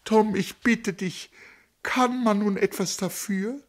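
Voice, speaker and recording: A man reading a novel aloud, voicing a desperate middle-aged woman who pleads and sobs. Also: takes it slowly. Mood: tearful lament. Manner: pleading, sobbing, rising to high breaks.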